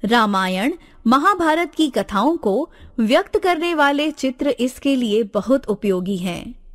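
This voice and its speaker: A woman reads a grammar lesson aloud at an unhurried, measured pace. Her voice sits high, and her pitch rises and falls widely as she reads. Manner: slow, deliberate, textbook reading. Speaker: teacher.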